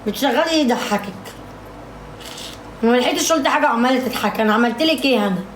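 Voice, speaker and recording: A woman with a fairly high voice and an Egyptian Arabic accent talks fast on a casual livestream, bickering with and complaining to her viewers. The echoey room carries a slight hiss or hum.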